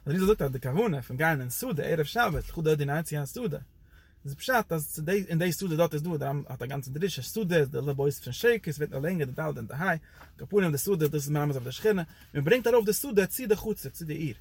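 Male Torah teacher, somewhat high and husky voice, animated rambling lecture delivery. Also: quick pace. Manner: animated, pitch jumps up and down for emphasis.

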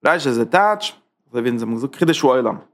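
A man's voice: mid-range voice, animated, fast. A man teaching a Torah class as a rabbi, driving his points with rhetorical questions and emphatic repetition. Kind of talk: Torah lecture.

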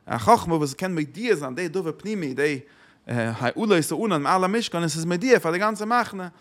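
A man's voice: on the high side, expressive, normal speed, fairly bright tone. A man giving a religious lesson who asks rhetorical questions and repeats his phrases. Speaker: Torah teacher.

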